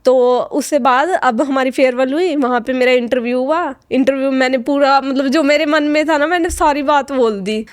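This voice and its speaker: A young woman with a high voice tells her story in a podcast interview. She sounds choked up, close to tears, and halts often, filling gaps and restarting. The sound is dry and close, with no room in it. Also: fairly even intonation, moderate pace, few pauses, no echo. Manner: hesitant, many fillers and restarts. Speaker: fashion design student.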